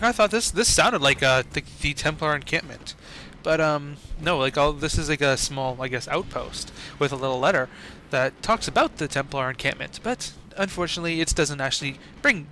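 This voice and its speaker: Young male game commentator: bright, forceful tone, slightly high voice, rambling casual delivery full of fillers. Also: slight background noise. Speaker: gameplay commentator.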